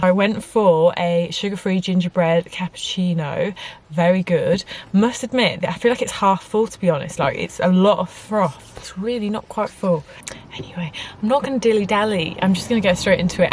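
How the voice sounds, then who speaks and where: A woman in her twenties chatting casually through a Q and A from inside her car, bubbly and full of "like". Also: lowish voice. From United Kingdom. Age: 20s. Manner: chatty, bubbly, peppers talk with "like". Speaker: vlogger. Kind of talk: casual chat, Q and A.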